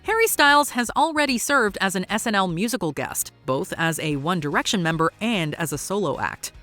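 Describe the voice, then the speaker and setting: A woman's voice: mid-range voice, lively intonation, fairly quick, pushed and bright, dry recording, soft background music. A woman delivering upbeat scripted commentary as the narrator of a countdown video.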